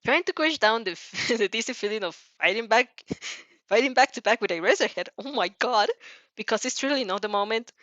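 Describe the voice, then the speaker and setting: Expressive and fairly high-pitched, a woman gives an animated, dramatic reading of a fan fiction story, frequently tripping over words and giggling. She keeps a moderate pace and a fairly bright tone, and the recording is dry.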